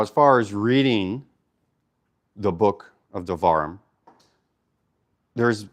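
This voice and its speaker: A man leads an informal Torah study. He speaks in an easygoing way, pausing to explain Hebrew words, and leaves plenty of fillers and restarts in his talk. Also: lowish voice. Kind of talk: casual Bible teaching.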